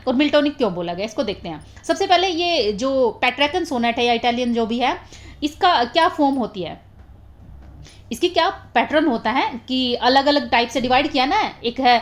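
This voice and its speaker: A woman teaching an exam-prep literature lesson. She explains step by step, keeps checking in with her students and drops into slow, careful English phrases. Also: sits high.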